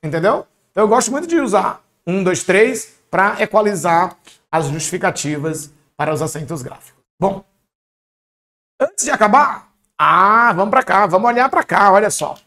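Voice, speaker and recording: A man is running an online exam-prep class, keeping things lively, casual and upbeat while frequently checking in with his students. His voice is high-pitched and his pace moderate.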